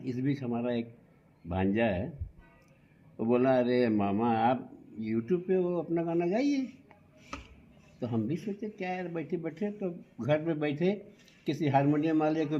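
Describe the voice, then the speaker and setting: A man's voice: medium pitch, darkish tone, dull audio. A middle-aged man with an eastern Uttar Pradesh Hindi accent, telling his story in an interview and putting earnest rhetorical questions to the interviewer. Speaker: singer and actor, interview guest.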